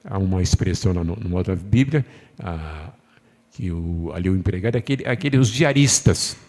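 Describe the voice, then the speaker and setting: A man with a Brazilian Portuguese accent, a pastor preaching a sermon. He tells the story in a lively way, voices the characters and puts questions to the congregation. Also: sits low, fairly quick. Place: church sanctuary. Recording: long hall reverb in a church.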